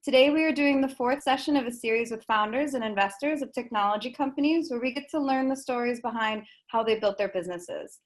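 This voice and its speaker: A woman hosting an online interview session, reading a prepared introduction in an even, organized way over a video call. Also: fairly high pitch, brisk, hardly any pauses. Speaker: host of an online speaker session.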